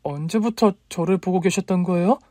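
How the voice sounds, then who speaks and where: A man's voice: a little high, lively intonation, unhurried, darkish tone, no echo, clean studio sound, voice pushed up. A man voicing a flustered young woman who snaps with indignant questions, reading a story. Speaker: story reader.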